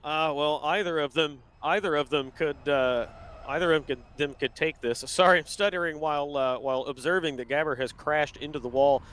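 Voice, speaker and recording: A man calling laps as a sim racing commentator, giving steady play-by-play and often correcting himself. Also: fairly high pitch, a little fast, smooth.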